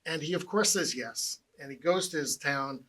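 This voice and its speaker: A man tells jokes in a storyteller's way, his voice sitting a little high. He builds each setup steadily, then slows down to land the punchline. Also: fairly bright tone, husky. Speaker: joke teller. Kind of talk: telling jokes to camera.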